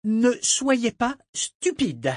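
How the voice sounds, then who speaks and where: A woman's voice: medium pitch, lively intonation, normal speed, a little mellow, dry recording, studio quality, pitched above the performer's own voice, close to an everyday voice. A man voicing a defiant young merchant's daughter who talks with scorn and command.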